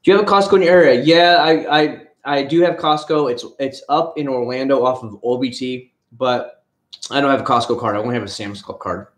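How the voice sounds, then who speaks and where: A man's voice: mid-range voice, a little fast. A man from Florida chatting casually on a livestream, rambling and retelling his conversations. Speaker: livestream host. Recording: echoey room.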